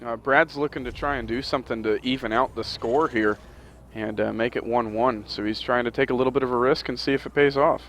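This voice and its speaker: A man calling a live strategy game match play-by-play, with short energetic calls and frequent agreement with his co-caster. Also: mid-range voice, a little fast, slight background noise. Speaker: esports caster.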